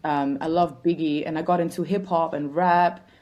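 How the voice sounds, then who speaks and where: Low-voiced woman, reflective. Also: steady tone, moderate pace, lo-fi sound, slight background noise. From Germany. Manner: reflective, searches for words with many fillers. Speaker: musician guest. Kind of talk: casual interview answers.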